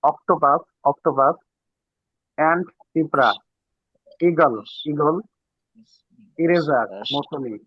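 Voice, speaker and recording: Dude reading vocab words out really slow, thin phone-ish sound, super dry. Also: male voice, a little high, husky, dry recording. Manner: reads a word list slowly aloud. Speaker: student. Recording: tinny phone-like call audio.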